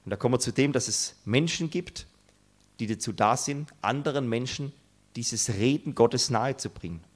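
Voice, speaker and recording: A man giving a sermon in an earnest, emphatic way. He lets pauses carry the weight of his points, and his voice sits at an ordinary middle pitch. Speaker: preacher.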